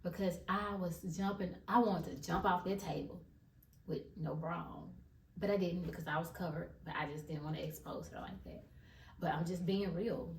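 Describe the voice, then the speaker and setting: Recorded at a distance in an echoey room with slight background noise, a woman tells viewers about her faith in a casual vlog. She's emphatic and says "y'all," and her fairly low voice keeps a moderate pace and fairly even intonation.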